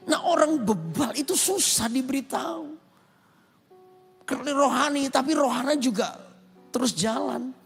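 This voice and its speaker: A male pastor with an Indonesian accent delivers a sermon, urging the congregation to answer amen. His voice sits high and has a husky, gravelly edge. It rings out through a large hall with a long echo. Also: lively intonation, unhurried, long pauses, soft background music. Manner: emphatic, calls for amen responses. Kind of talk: sermon with acted anecdotes. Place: large rooftop church hall.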